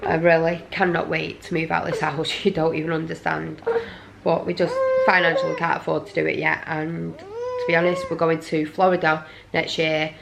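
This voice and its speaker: Woman, worn out and rambling, chatty home vlogger, creaky voice. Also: sits low, level tone, normal speed. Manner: rambling, apologetic. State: exhausted. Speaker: parent vlogger. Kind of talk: casual vlog chat. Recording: noisy home recording.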